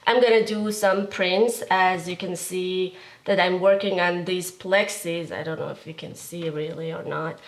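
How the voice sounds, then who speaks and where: This young woman, from the Kurdistan region of Iran, answers casual interview questions in her art studio as a visual artist. Her lowish, creaky voice keeps a measured pace and fairly even intonation, though she hesitates and fills gaps while searching for words.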